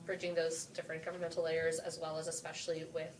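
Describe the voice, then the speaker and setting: A woman's voice: low-pitched, monotone, fast. A woman on the city council, speaking earnestly and asking pointed questions at a committee meeting. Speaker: council member. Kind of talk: public meeting discussion. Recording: distant mic with clear background noise.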